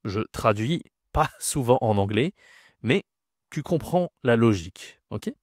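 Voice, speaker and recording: A man teaching French vocabulary, speaking slowly and repeating each word, often checking in with short questions. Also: medium pitch, animated, dry recording, studio quality. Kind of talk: vocabulary lesson to camera.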